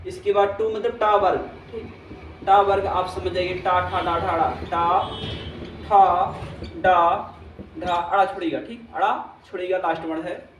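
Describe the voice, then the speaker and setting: A man with a high voice teaches a lesson and keeps repeating points while checking in with his class. He sounds set back from the mic in an echoey room with a faint hum behind him. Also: fairly even intonation, measured pace, recorded from a distance. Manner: repetitive, checks in with listeners often.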